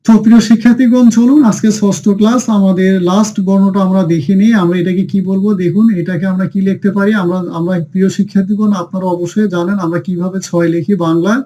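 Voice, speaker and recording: A man with a high, mellow voice leads a Quran reading lesson. He quizzes the class, supplies the answers himself, and has everyone repeat the letter names with him. The recording sounds dull and lo-fi. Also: fairly even intonation, fast talker, few pauses. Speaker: Quran teacher.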